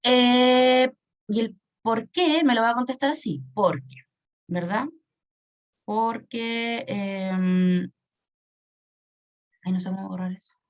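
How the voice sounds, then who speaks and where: A woman's voice: on the high side, slow pace, pauses often. A woman, teaching an English grammar lesson in a patient way, repeating points and checking that students follow. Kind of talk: recorded online lesson explaining grammar.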